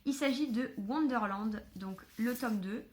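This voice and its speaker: A woman chatting casually to camera at home about books she was given, filling pauses with hesitations. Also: fairly high pitch, darkish tone. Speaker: book vlogger. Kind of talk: casual book haul chat.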